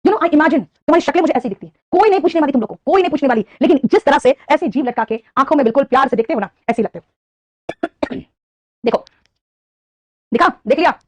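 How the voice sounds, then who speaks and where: A woman's voice: sits high, lively intonation, racing, few pauses, no echo. A woman with an Indian English accent teaching vocabulary in an online class, quizzing students and praising them by name. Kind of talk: online live class, Hindi mixed with English.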